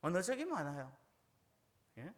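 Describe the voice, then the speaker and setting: A man's voice: sits high, sing-song, measured pace. A male pastor preaching a sermon in a church, asking the congregation questions and acting out prayers with rising force. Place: church sanctuary.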